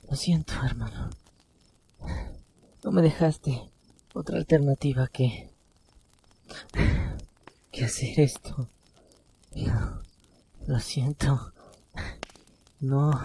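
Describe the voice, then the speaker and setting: A man voicing a remorseful, broken young man apologizing to his brother in a horror story, halting and breathy with a creaky voice. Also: mid-range voice, mellow, slight background noise, voice pushed up.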